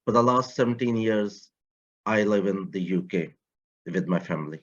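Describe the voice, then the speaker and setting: Man giving a measured talk. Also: on the low side, animated, a bit bright. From Pakistan. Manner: measured, slightly non-native grammar. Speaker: community project coordinator. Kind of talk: prepared talk. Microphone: video call. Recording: muffled online call audio.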